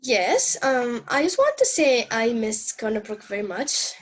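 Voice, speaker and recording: A woman answers interview questions in a casual, hesitant way, pausing on fillers. Her voice sits a little high. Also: big pitch swings.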